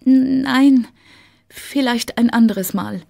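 A shy elderly herb seller, as a woman reader plays her, speaking quietly in a thin, high voice. She talks slowly and gently, recorded close and dry with no room sound. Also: gravelly, dry recording, heavily acted. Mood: gentle. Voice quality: high-pitched. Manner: soft, shy.

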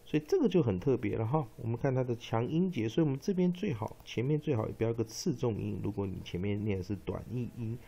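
A man with a Taiwanese Mandarin accent teaching English phonics, who drills syllables slowly and repeats each word many times. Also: mid-range voice, creaky, warm tone, breathy edge. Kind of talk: phonics lesson. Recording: dull lo-fi recording.

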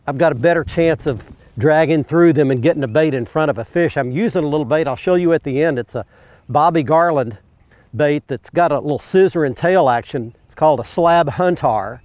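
A middle-aged man hosting a fishing show from a boat on a lake, explaining technique and getting excited when a fish bites. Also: fairly high pitch, no echo. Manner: explanatory, bursts into excited asides on catches. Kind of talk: on-the-water fishing instruction.

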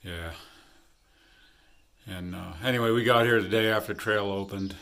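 A middle-aged man records casual walking commentary for his trail vlog on a handheld phone, outdoors by a rural hostel and over open hilltop meadows. He rambles comfortably with many fillers and pauses that trail off, in a lowish voice with no room sound.

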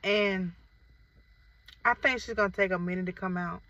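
A woman's voice: medium pitch, steady tone, normal speed, pushed and bright, far from the mic. A middle-aged woman with a Midwestern American accent, chatting to viewers in a rambling, casual vlog. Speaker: vlogger. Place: inside a parked car. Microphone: phone held at arm's length. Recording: muffled phone audio with light car noise.

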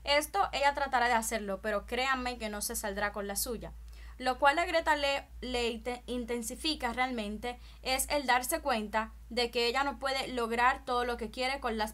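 A woman's voice: a little high, a bit bright. A woman hosting a telenovela recap channel, talking straight to the viewer in a chatty way with small stumbles.

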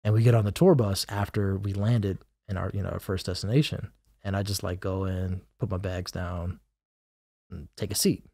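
A man guest on a podcast, telling a casual story with animated delivery, acting out other people's lines and scatting melodies. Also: low-pitched, moderate pace, no room sound, studio quality. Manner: animated, acts out quotes and scats melodies. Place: podcast recording.

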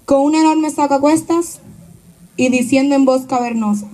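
A woman's voice: high voice, steady tone, normal speed, dark tone. A woman narrating an amateur play on an outdoor stage in a theatrical storytelling style. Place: outdoor tented stage at night.

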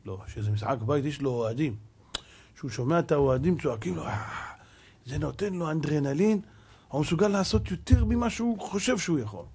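A rabbi preaching a sermon, swinging between loud, rousing exhortation and quiet, hushed asides. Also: male voice, fairly high pitch, lively intonation, breathy edge.

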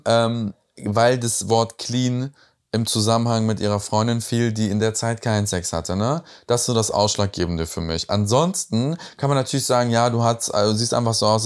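A young man hosting a reaction video, commenting casually and teasingly on a reality show. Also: mid-range voice. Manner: chatty and teasing, tag questions.

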